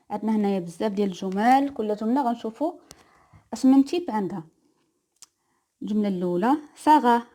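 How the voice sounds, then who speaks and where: Moroccan woman teacher, mellow, dark voice, slow repeated examples, quick explanations. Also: fairly high pitch. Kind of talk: grammar lesson mixing Moroccan Arabic and French.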